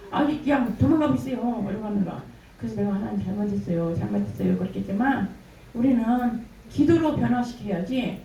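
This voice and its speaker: An older woman giving a spoken church testimony, telling her story with lively storytelling and acting out the words of others. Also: mid-range voice, creaky. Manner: animated storytelling, acting out quoted dialogue. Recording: echoey room from a distance, faint noise.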